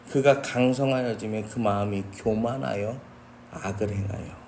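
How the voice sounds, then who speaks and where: 진지하게 설교하는 남성 목사. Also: male voice, mid-range voice, mellow, slight background noise. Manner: earnest, addresses the congregation often. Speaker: pastor. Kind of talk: sermon. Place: church sanctuary.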